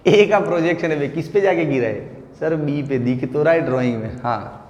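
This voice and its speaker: A man gives a classroom physics lecture in a fairly high voice, unhurried and chatty. He calls his students friend and buddy and spells out key terms slowly so they can write them down. The big classroom sounds echoey, with a lingering reverb. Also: a little mellow, dull audio. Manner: repeats terms slowly for note-taking. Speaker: physics teacher. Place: classroom with a large board. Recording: echoey room with long reverb.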